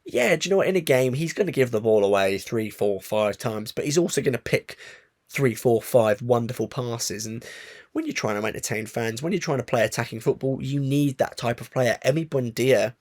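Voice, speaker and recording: A man's voice: medium pitch, brisk. Frustrated man ranting about football. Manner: frustrated, animated ranting with filler ums. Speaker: football podcast host. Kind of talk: opinionated fan commentary.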